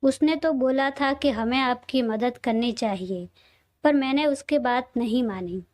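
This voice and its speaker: A woman's voice: high voice, measured pace, darkish tone, no room sound. A woman reading a cheeky young sister. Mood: apologetic.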